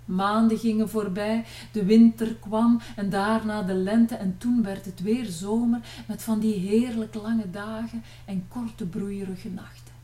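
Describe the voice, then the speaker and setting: A middle-aged woman with a Flemish accent reading a children's story aloud, playful and lively. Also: medium pitch, measured pace, few pauses, far from the mic. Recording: echoey room, off-mic.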